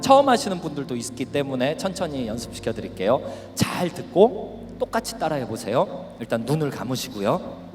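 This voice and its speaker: A middle-aged male pastor preaching at a youth camp, animated and shouting at the peaks. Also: mid-range voice, a little fast. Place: large worship hall. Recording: reverberant hall with faint music.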